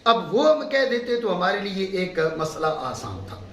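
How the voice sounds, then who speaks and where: High-voiced man lecturing in an echoey room. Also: big pitch swings. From Pakistan. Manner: emphatic, repeats key terms and checks with "ٹھیک ہے؟". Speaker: mufti teaching a course. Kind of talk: classroom lecture. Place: classroom with students. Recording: echoey room with faint background hum.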